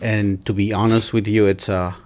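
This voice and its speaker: A man from Mexico, a restaurant owner being interviewed, speaking hesitantly with many pauses and restarts. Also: on the low side, little pitch movement, darkish tone. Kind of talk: casual interview.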